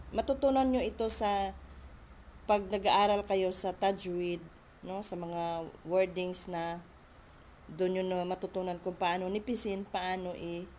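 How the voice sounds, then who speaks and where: Slow, patient woman teaching letter sounds. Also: medium pitch, a little mellow. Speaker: Arabic alphabet teacher. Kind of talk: pronunciation lesson.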